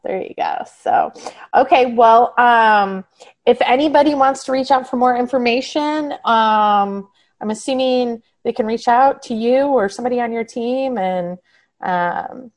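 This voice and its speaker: A woman's voice: a little high, measured pace. Upbeat woman hosting a podcast. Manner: upbeat, chatty, laughs often. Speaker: podcast host. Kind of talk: interview wrap-up chat.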